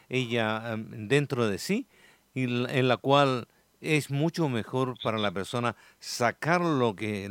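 A man chimes in with agreement and builds his thoughts haltingly, restarting often. His voice is smooth and resonant at a medium pitch. The recording is close and dry. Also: no room sound. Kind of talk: casual discussion.

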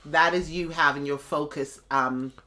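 A woman in her fifties co-hosts a relaxed podcast chat. She is frank and teasing, with a bright, sharp-edged tone set at a fairly low pitch. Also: moderate pace. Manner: frank, teasing, animated quoting. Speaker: podcast co-host.

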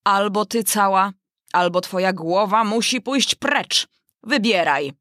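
A woman's voice: medium pitch, takes it slowly, a bit bright, dry recording, studio quality. A woman voicing a tyrannical, ill-tempered queen in an audiobook, speaking in a commanding, imperious way. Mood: threatening.

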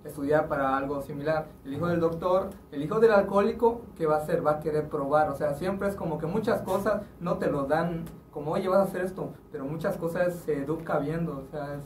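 A man's voice: on the high side, brisk, hardly any pauses, a little mellow, slight background noise. A man with a Mexican accent, a guest in a casual podcast chat, telling rambling stories in slangy speech. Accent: Mexican Spanish. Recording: echoey room, mic at a distance.

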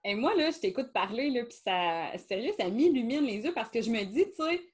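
A woman's voice: fairly high pitch, expressive, a little fast, slightly rough. A woman with a Québécois accent hosting a podcast, chatting casually and enthusiastically and laughing easily into a studio microphone. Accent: Québécois French.

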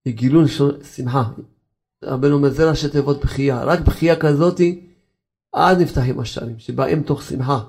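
A male rabbi delivering an animated sermon in a gravelly, raised register. He keeps asking rhetorical questions and often breaks into chuckles. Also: on the high side.

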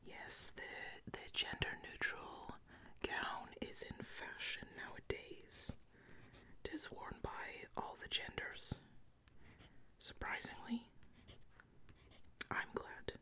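Woman playing a slow whispering tailor, whispered role-play. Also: sharp tone. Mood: musing, approving. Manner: tailor talking a client through a design, musing, hesitant. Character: thoughtful fantasy tailor designing ball garments.

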